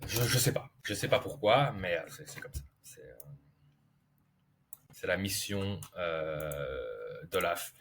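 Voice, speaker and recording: Slow, playful man teaching with a story. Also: low-pitched, expressive, creaky, a bit bright, slight background noise. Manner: playful, repeats key words slowly, checks understanding. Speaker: language tutor. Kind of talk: slow storytelling lesson for beginners.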